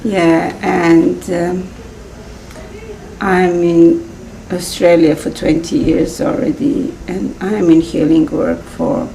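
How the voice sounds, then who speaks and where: A woman's voice: fairly low pitch, flat delivery, takes it slowly, gravelly, dark tone, rough recording. A woman with a Serbian accent, a guest in an interview, telling her story in a chatty way with frequent laughs. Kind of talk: casual interview chat.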